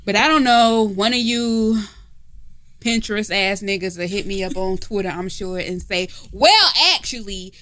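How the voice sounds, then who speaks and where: A woman's voice: medium pitch, level tone, moderate pace, fairly bright tone. A woman co-hosting a casual comedy podcast from home, talking in a brash, profane, teasing way. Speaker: podcast co-host. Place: informal home setting, not a studio.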